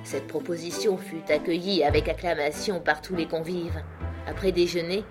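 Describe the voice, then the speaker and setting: A woman reads a classic novel aloud. Her narration is measured and expressive, with a literary audiobook style. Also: low voice, music in the background.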